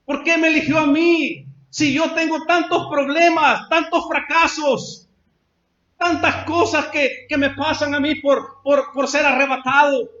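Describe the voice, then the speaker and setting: A Salvadoran preacher voices a distraught, impulsive fisherman apostle who spills out halting self-reproach in a high, raised voice. The sound is echoey and dull, like a lo-fi church recording. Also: flat delivery. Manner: rapid halting self-reproach, near shouting.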